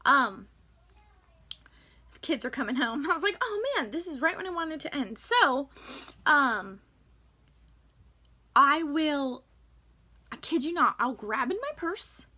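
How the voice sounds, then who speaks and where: Upbeat young female vlogger, bright sharp tone, enthusiastic casual delivery. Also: high-pitched, lively intonation, measured pace, long pauses. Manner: chatty, enthusiastic, lots of fillers. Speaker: vlogger sharing essential oil tips. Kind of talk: casual chat to camera.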